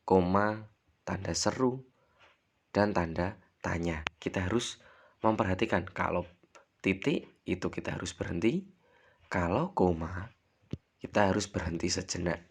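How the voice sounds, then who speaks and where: A man's voice: low voice, measured pace, long pauses, breathy edge. A male primary school teacher, giving a recorded lesson to children, patient and repetitive, often ending phrases with a questioning "ya". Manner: patient, repeats points, tags sentences with "ya"; demonstrates intonation with example sentences.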